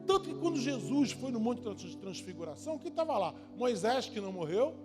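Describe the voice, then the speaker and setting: A pastor preaching a sermon with emphatic repetition, swinging between quiet, intimate asides and loud, rising exhortation. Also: male voice, very high-pitched, very animated, a little fast, over music.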